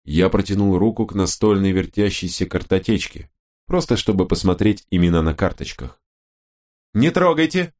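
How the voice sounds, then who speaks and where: A man giving a first-person audiobook narration in a measured, even reading style. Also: deep voice.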